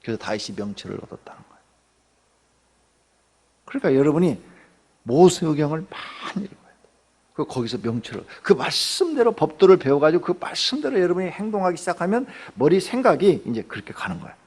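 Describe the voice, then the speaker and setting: Gravelly, husky male pastor, swooping pitch; chatty dawn sermon with quick questions to the pews. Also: sing-song, darkish tone. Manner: conversational, asks the congregation questions; acts out everyday people in quotes, joking. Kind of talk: early-morning sermon.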